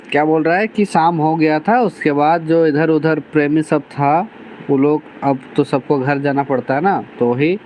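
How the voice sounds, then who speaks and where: The teacher, a man from Jharkhand, India, reads a novel's dialect lines to his class and restates each one simply, saying "theek hai" again and again. His voice sits on the high side with a darkish tone, and the poor audio has a bit of hiss or hum.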